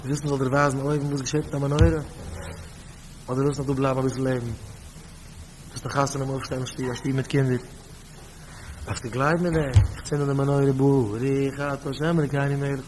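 Emphatic Yiddish-accented rabbi preaching. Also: male voice, medium pitch, level tone, a little fast, pauses often, darkish tone, a little hiss or hum, rough recording. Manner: storytelling, repeats phrases, rises to emphatic bursts. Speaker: rabbi giving a talk.

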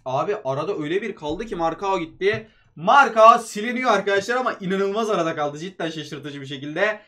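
A young man commentating his own mobile football game match, excitably calling plays like a match announcer and talking to his players. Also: high-pitched, a little fast. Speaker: mobile game video creator.

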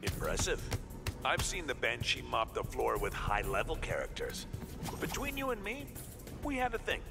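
An actor playing a boisterous, brash barbarian bard in a video game, with loud, dramatic outbursts and game music behind him. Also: male voice, medium pitch, huge pitch swings, moderate pace, vocal fry. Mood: boastful.

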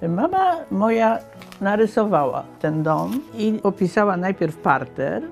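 Older woman with a creaky voice. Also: medium pitch, very animated, a little slow, darkish tone. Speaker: interviewee recalling family history. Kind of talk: documentary reminiscence. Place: book-lined study. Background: faint guitar music.

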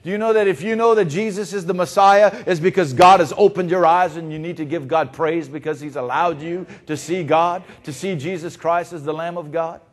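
A male pastor preaching a sermon, swinging between hushed, intimate lines and loud, emphatic ones. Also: on the high side, brisk, few pauses. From Louisiana.

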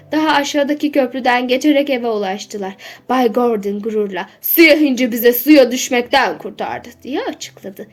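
High-voiced woman reading a children's story. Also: a little mellow.

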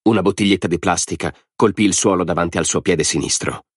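Deep-voiced male audiobook narrator. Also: fast talker, slightly rough, no echo, clean studio sound. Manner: steady, even storytelling. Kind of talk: scripted narration.

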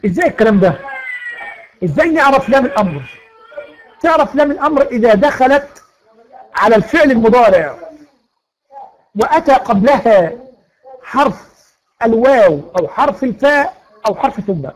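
A man with an Egyptian Arabic accent teaching Quran recitation rules in an online lecture, explaining patiently, posing and answering his own questions, reciting verses slowly. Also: very high voice, lively intonation, rough recording.

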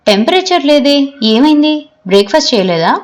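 A woman's voice: high-pitched, sing-song, moderate pace, faint music behind, pitched above the performer's own voice. A woman voicing a caring, middle-aged female college lecturer who speaks in a concerned, soothing way. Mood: worried.

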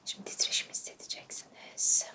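A woman whispering through a roleplayed medical exam, giving slow, gentle step-by-step instructions. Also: recorded from a distance. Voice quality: soft whispering. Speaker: doctor roleplay.

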